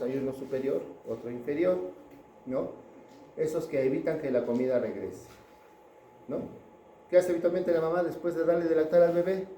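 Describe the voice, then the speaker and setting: A man's voice: a little high, mellow, roomy sound, slight background noise, rough recording. A man giving a pediatrics class lecture, chatting with students and asking them questions.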